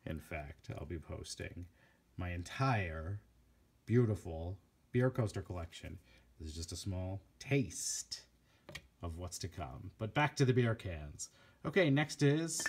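In a casual vlog, a man walks through his collection at a slow, unhurried pace, his voice a little low, darkish and husky. He halts often, uses many fillers and corrects himself, all while gushing with admiration over each piece.

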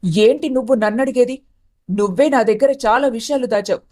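A woman voicing a scheming young elder sister in an animated story, who talks in a tense, accusing way. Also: a little high, normal speed, natural voice.

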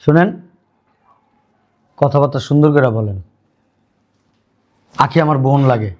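An actor playing an earnest young stepson and protective elder brother who argues insistently. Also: male voice, mid-range voice, a little slow, highs cut off, close to an everyday voice. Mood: pleading. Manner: insistent, pleading.

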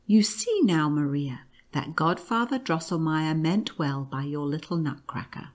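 A woman's voice: low-pitched, unhurried. A woman voicing a serious, concerned mother in a storybook reading. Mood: reassuring.

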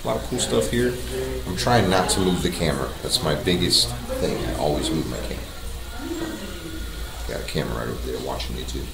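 A man's voice: a bass voice, brisk, vocal fry. A man in his thirties chatting loosely to a 360 camera in a hair salon, rambling with fillers. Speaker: vlogger. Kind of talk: casual vlog talk to camera. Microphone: 360 camera built-in mic. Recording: roomy salon sound with music behind.

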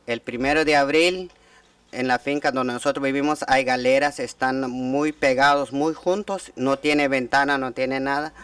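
A man in his thirties testifying at a formal hearing, speaking haltingly with frequent restarts. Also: mid-range voice, fairly even intonation, a bit bright, clear, resonant tone, no room sound, far from the mic. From Guatemala. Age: 30s. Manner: halting, many restarts and repeated words. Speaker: witness giving testimony. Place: hearing room.

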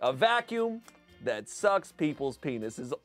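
A man improvising a comedy sales pitch on a live stream, rambling and excitable, swearing and breaking into laughter. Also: slow pace, soft background music. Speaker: comedian pitching a fake product.

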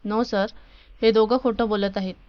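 A woman putting on a young college woman who keeps protesting her innocence, her voice smooth and clear. The recording is slightly dull and lo-fi. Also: mid-range voice, steady tone, normal speed, close to an everyday voice. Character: quick-talking, pleading young college woman.

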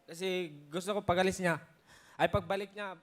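A man's voice: sits high, steady tone, normal speed, fairly bright tone. A man appearing as a contestant on a game show, giving heartfelt, respectful testimony about his family. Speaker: contestant, father. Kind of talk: emotional personal testimony.

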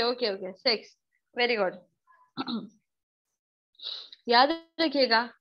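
A woman from Pakistan teaching a live online spoken English class, her voice hoarse and worn out, quizzing students and repeating her questions. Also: sits high, muffled recording. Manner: questions students often, repeats herself, slow drawn-out example words.

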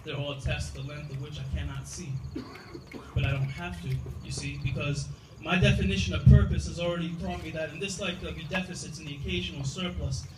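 A man, a poet, gives a spoken word reading with rhythmic, rhyming delivery in a slightly high, steady voice, a little fast. He's recorded from far off in an echoey room with loud noise.

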